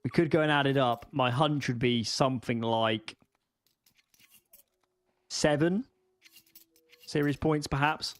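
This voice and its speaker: A man's voice: medium pitch, takes it slowly, pauses often, dry recording. A man co-commentating a live esports match with conversational, wry analysis. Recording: faint background noise and clicks.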